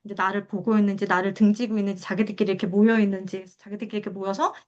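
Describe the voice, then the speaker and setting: A woman's voice: medium pitch, level tone, racing. A middle-aged woman giving a public lecture on drama therapy counseling, explaining the method step by step and acting out short exchanges as she goes. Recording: dull lo-fi lecture recording.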